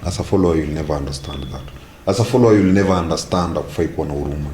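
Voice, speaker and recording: A man's voice: very deep voice, rapid-fire. A man with a Kenyan accent in casual group banter, swearing freely and mixing Swahili with English. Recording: echoey room with faint noise.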